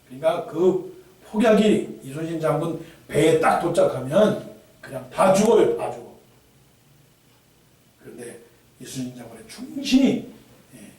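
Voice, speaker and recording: A male pastor preaching a sermon with lively delivery, breaking into shouted cries and then dropping to hushed asides. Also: fairly high pitch. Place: church sanctuary. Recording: echoey hall from far off, faint noise.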